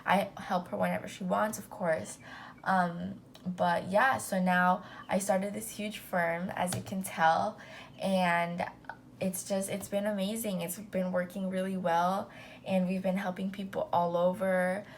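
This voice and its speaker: A young woman with a medium-pitched voice talks casually as a business owner to a new intern, speaking unhurriedly with a flat delivery. She's chatty and upbeat, filling her speech with ums and "you know." A little hiss or hum is audible.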